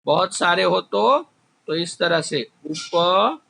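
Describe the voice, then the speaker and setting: A man teaching a class, slowly drilling word forms, asking questions and answering them himself. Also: high-pitched, lively intonation, vocal fry, sharp tone, a little hiss or hum. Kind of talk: slow classroom explanation. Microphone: recorded while writing on a board.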